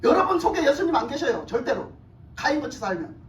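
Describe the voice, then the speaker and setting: A woman pastor preaching a sermon, emphatic and animated, putting questions to the congregation and often laughing. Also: high voice, fast talker, slight background noise. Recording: echoey hall from far off.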